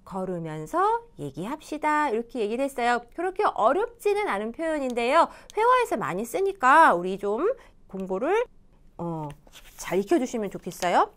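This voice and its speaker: A woman teaching a Japanese lesson, explaining grammar patiently and reading example dialogues slowly and clearly. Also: a little high, very animated, fairly bright tone. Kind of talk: video lecture explaining grammar.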